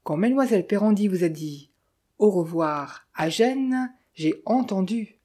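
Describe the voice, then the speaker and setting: A woman voicing a sly, smooth-talking male Italian bandit who mocks with false friendliness, in a storybook reading. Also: mid-range voice, animated, unhurried, warm tone. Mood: mocking.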